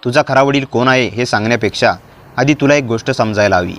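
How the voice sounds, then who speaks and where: Guy doing a tired guilty dad in a story, quiet and heavy, mid pitch. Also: fast talker, natural voice. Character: guilt-ridden father hiding a secret.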